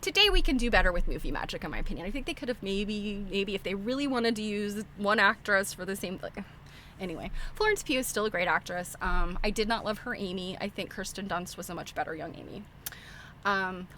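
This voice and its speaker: Lively and a little fast, this medium-pitched middle-aged woman has a bright, forceful tone as she hosts her livestream. She chats casually and rambles through strong opinions on films, over a little hiss or hum.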